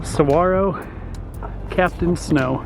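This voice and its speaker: A man's voice: on the high side, takes it slowly, music in the background. A man chatting casually to the camera while hiking up a desert mountain trail, a bit out of breath. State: out of breath from walking uphill. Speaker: nature vlogger. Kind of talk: casual hiking vlog narration.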